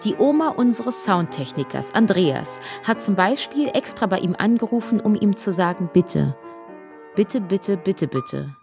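A woman's voice: medium pitch, sing-song, unhurried, gravelly, darkish tone, faint music behind. A woman in her twenties telling her family history in a chatty, rambling monologue, often correcting herself. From Germany. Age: 20s. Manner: chatty, rambling, self-interrupting. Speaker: narrator and performer. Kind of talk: documentary stage monologue.

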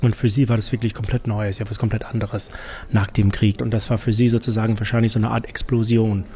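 Speaking in a low, mellow, husky voice with a level tone and quick pace, this concert series organiser and interpreter from New York City gives informal explanations in an interview. He has an American accent and English as his first language, though he comes across as a non-native speaker whose phrasing is slightly unidiomatic.

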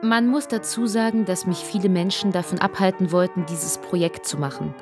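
A woman's voice: lowish voice, steady tone, a little fast, over music. A woman in her twenties telling her family history in a chatty, rambling monologue, often correcting herself. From Germany. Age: 20s. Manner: chatty, rambling, self-interrupting. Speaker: narrator and performer. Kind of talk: documentary stage monologue.

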